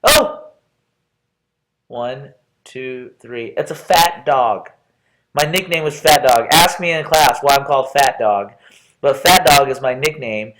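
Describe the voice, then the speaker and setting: A middle-aged college professor from Texas, with an American accent, introduces himself to an online class in a playful, chatty, informal way, often stopping and restarting. His voice is mid-range with a fairly bright tone, and he speaks slowly on poor audio.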